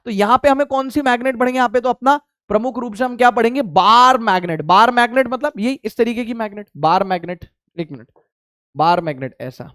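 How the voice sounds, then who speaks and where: A man's voice: very high-pitched, brisk, fairly bright tone, clean tone, dry recording, studio quality. A male physics teacher giving a casual classroom lecture in Hindi mixed with English, asking questions and then answering them himself. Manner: voices a student's replies to himself.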